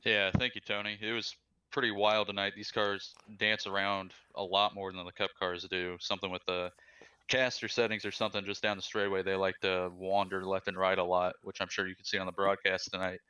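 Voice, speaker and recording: Racing driver guy, low smooth bright voice, kinda muffled chat audio. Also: level tone, a little fast. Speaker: race driver interviewed. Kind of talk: post-race interview.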